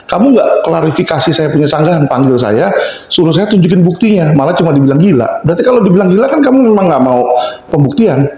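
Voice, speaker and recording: A middle-aged man argues with force and animation, jumping into the voices of the people he quotes. His voice sits a touch high and gravelly. The sound is dull and boomy, as if caught in a strongly echoing room. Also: mellow. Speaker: advocate, interview guest. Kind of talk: impassioned interview talk.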